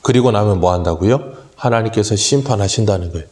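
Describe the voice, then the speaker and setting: A man's voice: on the low side, fast, a little mellow. A male pastor preaching an expository sermon at a dawn church service, earnest and full of rhetorical questions.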